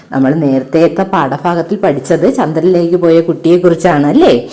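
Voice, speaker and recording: Woman, teacher, reading a story aloud to children, expressive, lively pitch, mellow. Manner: expressive storytelling, asks pupils questions. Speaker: teacher, channel host.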